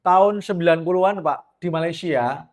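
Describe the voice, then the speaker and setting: A man with a Javanese accent preaching a lively, joking sermon to a women's gathering. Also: on the high side, normal speed. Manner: lively, joking, mixes in Javascript-free Javanese asides and sung lines.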